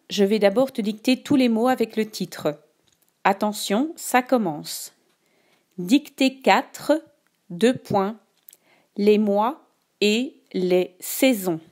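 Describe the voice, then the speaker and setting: A woman dictates as a teacher would in a spelling lesson. Her delivery is extremely slow and deliberate, with each short phrase set apart and repeated. Her voice sits at an ordinary mid pitch for a woman. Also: darkish tone. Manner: instructional, addresses one pupil directly. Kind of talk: dictation lesson, scripted instructions.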